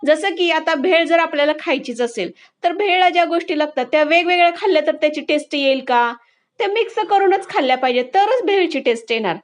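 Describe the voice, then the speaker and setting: A woman vlogger talking to her women friends, telling a moral story in a casual, conversational way. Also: sits high. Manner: warm, conversational, addresses listeners directly.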